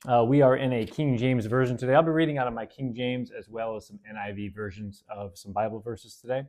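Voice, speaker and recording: This is a man with a mid-range voice leading a casual Bible study as host. He reads verses slowly and with deliberation, while his everyday talk is easygoing, sprinkled with fillers and self-corrections.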